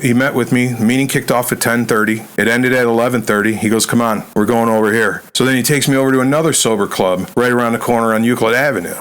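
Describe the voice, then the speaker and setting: A middle-aged man, speaking at a medium pitch. He tells a personal testimony in a relaxed, conversational storyteller's way. He acts out the dialogue and keeps checking in with "right?". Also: rough recording. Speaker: podcast guest. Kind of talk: personal testimony in a sit-down interview.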